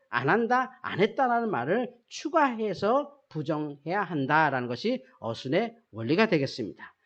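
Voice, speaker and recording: A teacher explaining grammar in a recorded lesson, with a lively pitch that swings up and down. The speaker keeps posing rhetorical questions, answers them, and repeats key phrases over and over. The sound is dull and lo-fi. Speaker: English teacher.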